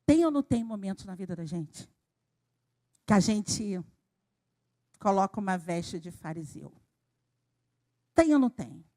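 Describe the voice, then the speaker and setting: A woman from Brazil preaching a sermon at a church service, talking in an animated way that swells to emphasis and then drops low. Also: measured pace, pauses often. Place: church sanctuary.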